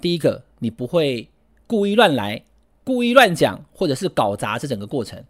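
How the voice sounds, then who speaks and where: A man's voice: mid-range voice, sing-song, normal speed, a bit bright. A middle-aged man with a Taiwanese Mandarin accent giving political commentary, emphatic and full of rhetorical questions.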